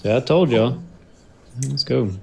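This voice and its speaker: A man's voice: mid-range voice, unhurried, gravelly, warm tone, a little hiss or hum. A man playing a tabletop game, talking casually in character.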